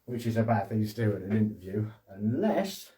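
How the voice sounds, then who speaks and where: A man's voice: fairly low pitch, very animated, fairly quick, dark tone, reverberant, far from the mic. A man hosting a casual solo podcast, rambling and joking, often laughing and acting out little quotes. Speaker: podcast host.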